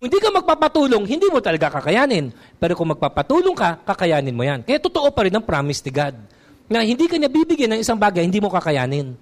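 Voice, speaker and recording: A Filipino-accented male pastor delivers a sermon in a high, bright-pitched voice that swoops up and down with energy. He shifts between Tagalog and English and keeps asking his congregation for an amen. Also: fast talker. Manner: animated, mixes Tagalog and English, asks the congregation for amens.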